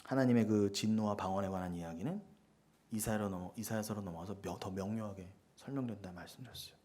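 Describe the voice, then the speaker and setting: A man preaching a sermon as pastor, with forceful rhetorical questions and sudden hushed asides. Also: on the low side, fast.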